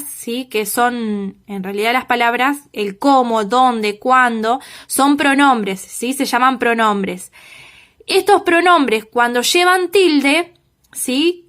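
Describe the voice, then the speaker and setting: Female teacher, high pitched, patient recorded feedback to students, emphatic on examples, frequent check-ins. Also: fairly bright tone. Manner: checks in with "¿sí?" after nearly every point, many "eh" fillers; slow, emphatic on key examples. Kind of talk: recorded lesson giving feedback on assignments.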